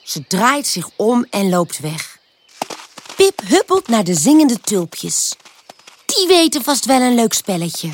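A woman reading a children's storybook aloud in a gentle, clear storytelling manner. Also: on the high side, sing-song, takes it slowly, a little hiss or hum. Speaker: narrator.

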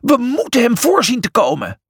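A man's voice: very high-pitched, wildly swooping pitch, moderate pace, gravelly, breathy edge, no echo, pitched above the performer's own voice, exaggerated voice. A man voicing a confident, commanding female chariot driver. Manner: self-assured, commanding.

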